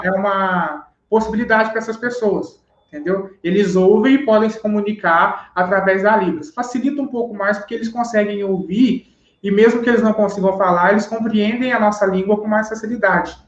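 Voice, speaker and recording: Man patiently explaining in a roomy room. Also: sits high. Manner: patient, explaining step by step, often asks "entendeu?". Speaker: sign language teacher guest. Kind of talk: explanatory interview answers. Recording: roomy, dull live-stream audio.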